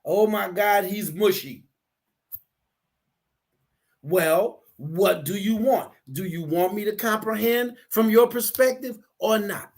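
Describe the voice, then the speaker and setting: A man's voice: high-pitched, slow. A man talking earnestly and explaining his ideas, often restarting and repeating words. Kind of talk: casual discussion.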